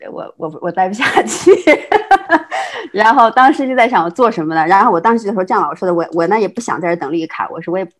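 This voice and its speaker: A middle-aged woman from China, a guest telling her life story in casual conversation, quick and full of restarts and laughs. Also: medium pitch. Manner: fast, with many repeated words and restarts, frequent laughs. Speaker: interview guest.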